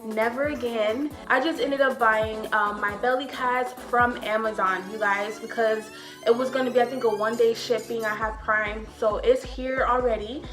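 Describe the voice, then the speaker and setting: A young woman talks to her camera in a relaxed, rambling vlog style, her voice sitting a little high. She sounds slightly out of breath and keeps trailing off with casual filler. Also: moderate pace, echoey room, faint music behind. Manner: chatty, loose, trailing off with "or whatever". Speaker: vlogger.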